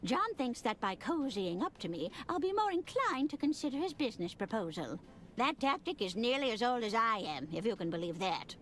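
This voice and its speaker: Lively elderly grand matriarch. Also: female voice, fairly high pitch, fairly quick, a little hiss or hum. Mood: wry. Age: older. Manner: grand, wry, amused. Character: elderly, shrewd, wry railway empire matriarch. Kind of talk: comedic adventure game acting.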